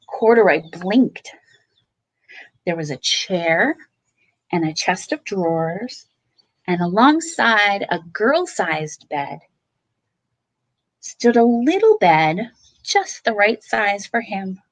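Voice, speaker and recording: Female children's storyteller, bedtime read-aloud: measured pace, animated intonation, dramatic pauses. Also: mid-range voice, poor audio. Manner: expressive, with dramatic pauses and emphasis. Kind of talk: bedtime picture-book reading for children.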